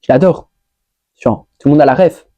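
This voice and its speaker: A woman's voice: low voice, moderate pace, dry recording, narrow, tinny audio. A woman vlogger chatting casually through a monthly roundup, scattered and full of fillers, dropping English words as she goes. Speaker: lifestyle vlogger. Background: faint music playing.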